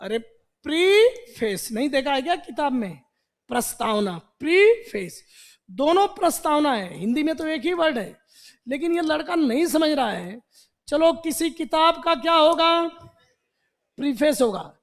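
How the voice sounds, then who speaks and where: A man teaching an online vocabulary lesson in Hindi, explaining word roots with animated repetition and rhetorical questions. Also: extremely high pitch, normal speed. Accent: Indian Hindi.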